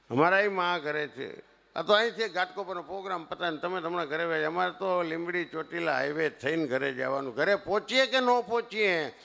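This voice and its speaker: A man's voice: medium pitch, vocal fry. Kathiawadi man telling jokes on stage. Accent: Kathiawadi Gujarati. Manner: swings between loud punchlines and hushed asides. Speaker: stage comedian. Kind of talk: live comic storytelling to an audience. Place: stage before a seated audience.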